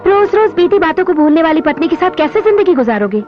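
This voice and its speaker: A woman's voice: very high-pitched, big pitch swings, fast. A woman voicing a young woman who earnestly tries to persuade others, on dull film audio with music.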